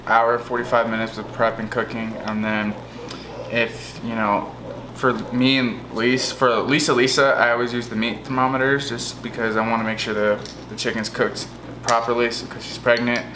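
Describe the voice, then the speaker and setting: A man's voice: mid-range voice, little pitch movement, moderate pace, background noise. Rambling man in an echoey kitchen. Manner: rambling, repeats points for viewers. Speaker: co-host of a family cooking channel. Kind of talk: casual cooking demo chat. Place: home kitchen. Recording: echoey kitchen with clattering dishes.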